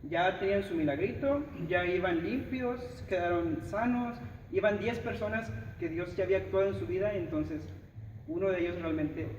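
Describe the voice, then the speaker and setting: High-voiced preacher with a Mexican accent in an echoey hall. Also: male voice, moderate pace. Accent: Mexican Spanish. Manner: emphatic, speaks straight to the listener, acts out others' words. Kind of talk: sermon. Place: church hall. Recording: echoey hall, distant, dull, noisy.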